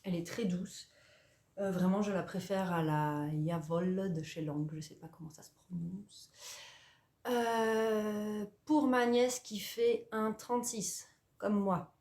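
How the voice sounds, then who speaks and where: A woman's voice: medium pitch, takes it slowly, a little mellow, roomy sound. A young woman hosting a craft vlog from home, chatting casually with lots of hesitations and playful self-mocking asides. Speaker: knitting and sewing podcaster. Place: at home, indoors.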